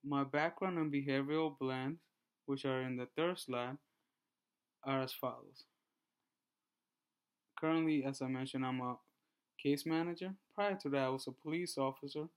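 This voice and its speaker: Smooth-voiced young man presenting slides. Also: mid-range voice, steady tone. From Honduras. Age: 20s. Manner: reads slides in a measured way with small restarts. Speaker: student presenter. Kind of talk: class presentation narration.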